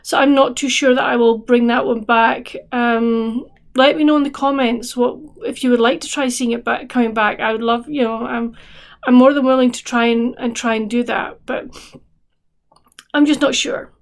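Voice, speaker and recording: A woman's voice: a little high, steady tone, normal speed, vocal fry. A woman chatting casually as a book vlogger, rambling with restarts and fillers, sounding tired. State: tired, yawning. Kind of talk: casual chat to camera.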